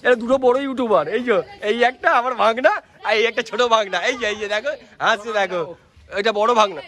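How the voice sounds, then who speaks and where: Man vlogger, high voice, eager and chatty, filming outdoors on a handheld phone. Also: quick pace. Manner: excited, repeatedly urging viewers to look. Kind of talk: casual vlog narration. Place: outdoors at a family Holi celebration.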